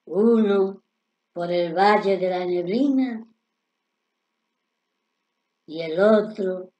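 Older man declaiming poetry very slowly. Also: high-pitched, dark tone. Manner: solemn, deliberate phrasing with pauses. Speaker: poet reciting own work. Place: indoor room at home.

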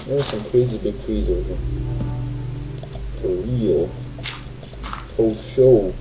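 A man's voice: on the low side, slow pace, rough recording. A man giving rambling, casual commentary while playing a video game, often asking his viewers tag questions. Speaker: gamer. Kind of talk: casual let's play commentary. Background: faint game music.

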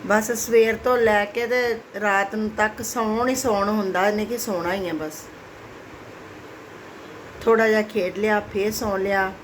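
A woman's voice: mid-range voice, steady tone, a little slow, a little hiss or hum. A woman casually vlogging at home, talking to her pet in a doting, coaxing sing-song way.

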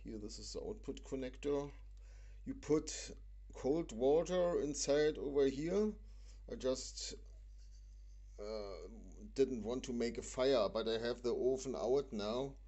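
A man hosting a casual product demo at home, talking with many pauses and fillers. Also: medium pitch, dark tone. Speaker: video host. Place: indoors at a home stove.

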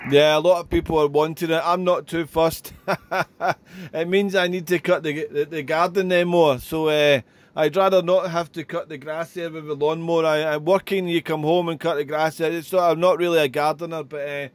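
Guy doing ham radio chat, pretty high voice, chatty, repeats himself. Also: fairly even intonation, normal speed, no echo. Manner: chatty, repeats "there" and phrases. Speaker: amateur radio operator. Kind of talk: radio contact chat with spelling alphabet.

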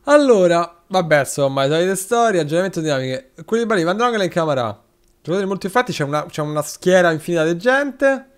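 Man, game streamer, chatty commentary, somewhat high voice, lively exclamations. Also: fast talker, smooth. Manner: chatty, exclamatory, talks to his players and thanks viewers. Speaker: streamer playing a football manager game. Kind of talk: live gameplay commentary with chat shout-outs.

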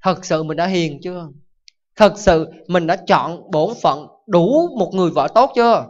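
Monk giving a dharma talk, chatty, keeps asking the crowd questions, muffled lo-fi sound. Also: male voice, high-pitched, measured pace. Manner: animated storytelling, rhetorical questions to the audience. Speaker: Buddhist monk. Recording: dull lo-fi recording.

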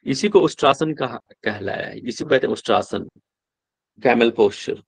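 Male yoga teacher, mid-pitched. Slow chanting, quick plain explanations, dry close sound. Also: expressive, creaky, breathy edge, no echo. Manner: chants verses slowly, then explains quickly with "ठीक है?" checks. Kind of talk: classroom lecture explaining Sanskrit verses.

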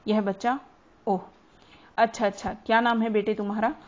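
Brief: woman voicing a big, loud family friend in a storybook reading, brusque and hearty, on a muffled recording. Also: medium pitch, flat delivery, moderate pace, natural voice. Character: tall booming middle-aged man, gruff even when kind. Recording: dull lo-fi recording.

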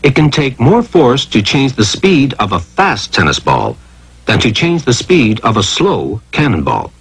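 Explaining things in scripted educational cartoon narration, this man poses rhetorical questions with theatrical flair. His slightly husky, fairly bright voice swings wildly in pitch phrase to phrase, and he goes a little slowly.

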